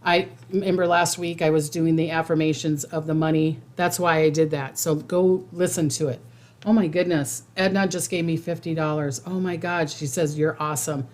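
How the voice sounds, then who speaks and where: Casual, rambling woman with lowish voice. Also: steady tone, moderate pace, a little mellow. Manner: informal, rambling, repeats phrases for emphasis. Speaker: psychic host giving monthly predictions. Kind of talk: casual livestream talk to viewers.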